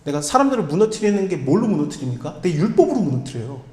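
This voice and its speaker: Animated male pastor in an echoey hall. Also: a little high, fast talker. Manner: conversational, asks the listeners rhetorical questions. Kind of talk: expository sermon. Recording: echoey hall with long reverb.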